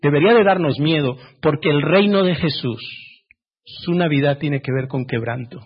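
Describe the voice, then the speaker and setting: High-voiced husky preacher, dull recording. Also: male voice, moderate pace. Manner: swings between loud emphasis and hushed, quiet delivery; asks the congregation direct questions. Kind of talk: sermon.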